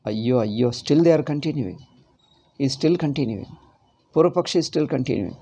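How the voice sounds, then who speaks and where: Man, South Indian accent, scriptural lecture, slightly high pitch, soft mellow tone, emphatic repetitive explanations. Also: lively intonation, fairly quick, slightly rough. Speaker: Vedanta teacher. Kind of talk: spoken scriptural lecture with Sanskrit quotation and commentary.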